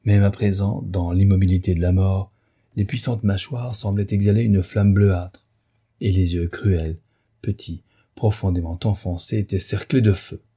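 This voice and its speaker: Male audiobook narrator, grave and measured, low dark husky voice. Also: steady tone. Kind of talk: scripted narration.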